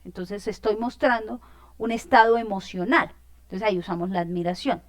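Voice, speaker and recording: A woman's voice: mid-range voice, normal speed, no echo. Woman, teacher, explanatory, many fillers, dry sound. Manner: explanatory, frequent fillers and check-in questions. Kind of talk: informal online lesson.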